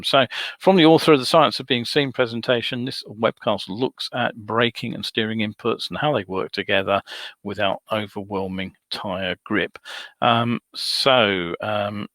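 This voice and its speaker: A man speaks alone into a desk microphone, hosting a live webcast. His voice is bright and forceful, recorded dry and close. He talks in a measured, advisory way, pausing on ums and uhs. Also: lowish voice, no echo. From United Kingdom. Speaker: host of a motorcycle safety webcast. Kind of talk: solo live webcast talk.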